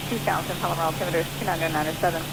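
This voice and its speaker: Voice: medium pitch, level tone, racing, vocal fry. An air traffic controller giving clipped instructions over an aviation radio. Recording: very noisy cockpit radio transmission.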